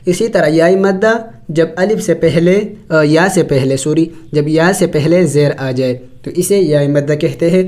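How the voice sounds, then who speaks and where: A man with a Pakistani Urdu accent teaching Quran recitation with tajweed. He spells out letters and stretches syllables slowly, then explains the rules at a brisk clip. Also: fairly high pitch, a little mellow.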